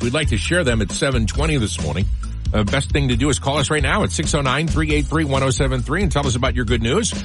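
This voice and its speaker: A man hosting a morning radio show, talking in an upbeat DJ style that moves between announcing and banter. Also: on the high side. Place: radio studio.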